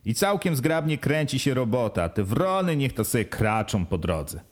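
Man, audiobook narrator, first-person story, earnest, plain rural telling, mid pitch. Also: sing-song, normal speed. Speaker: audiobook reader.

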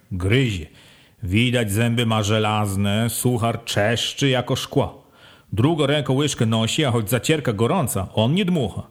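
A man reading a folk tale aloud at a measured, unhurried pace. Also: medium pitch. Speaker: narrator.

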